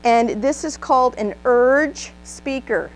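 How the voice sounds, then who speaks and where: Woman workshop presenter, motivational and upbeat, drives call-and-response with the room, unhurried delivery. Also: high-pitched, slight background noise, low-quality recording. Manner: leads the audience in call-and-response; upbeat and emphatic. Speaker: presenter giving a trainer workshop. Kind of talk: motivational training speech. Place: room with a live audience.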